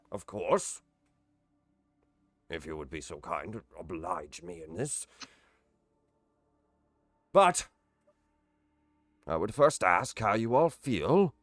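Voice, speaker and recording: A man voicing a mad old wizard who speaks in a booming, magically amplified voice, slow and grandly formal. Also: a bit bright, no echo, exaggerated voice.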